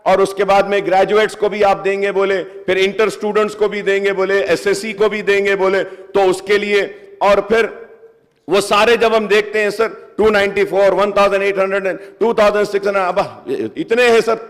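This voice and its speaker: High-voiced lawmaker in a reverberant chamber. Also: male voice, steady tone, normal speed. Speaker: member of a state legislative assembly. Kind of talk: speech in a legislative assembly debate. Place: large legislative assembly chamber. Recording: long reverb of a large hall.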